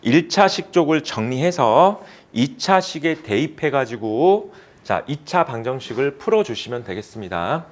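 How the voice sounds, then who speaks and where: Male cram-school math tutor, casual and teasing, animated delivery. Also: medium pitch, moderate pace. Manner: chatty, teasing students, casual speech. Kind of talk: classroom lecture with banter.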